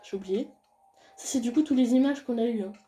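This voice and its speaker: A woman's voice: a little fast, faint music behind. A young woman reading a visual novel aloud and chatting casually about the game as she plays. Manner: reads game dialogue in a soft low voice, chats loudly and excitedly between scenes. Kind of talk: casual let's-play commentary.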